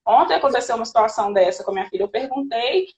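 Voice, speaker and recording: A woman's voice: on the high side, lively intonation, racing, darkish tone. A woman from Brazil hosting a live video call, speaking emphatically and agreeing often with her guest. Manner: short eager agreements, emphatic. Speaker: live-stream host. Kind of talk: casual live-stream chat.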